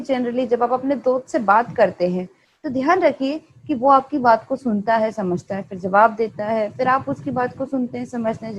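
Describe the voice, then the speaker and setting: A woman's voice: fairly high pitch, muffled recording, slight background noise. A woman with an Indian accent giving an explanatory lecture, mixing in English terms and often checking in with "right?".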